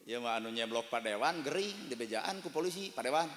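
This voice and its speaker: A man preaching in a Sundanese accent, telling stories with acted-out dialogue and sudden shouts. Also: medium pitch, a little fast. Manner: animated storytelling, acting out dialogue, bursts of shouting. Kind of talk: lively Sundanese sermon. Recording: echoey hall from a distance.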